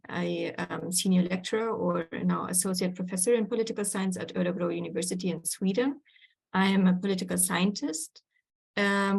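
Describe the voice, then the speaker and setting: A German woman whose first language is German gives an online workshop presentation as a guest lecturer over a video call. Her creaky voice is medium-pitched, and she sounds hesitant, with many fillers and restarts.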